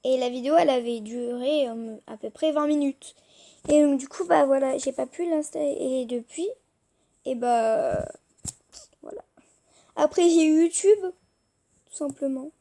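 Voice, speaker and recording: A woman's voice: sits high, a little slow, pauses often, dark tone. A young French-speaking woman rambling hesitantly with many fillers as she shows the apps on her tablet. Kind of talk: casual screen-recorded chat.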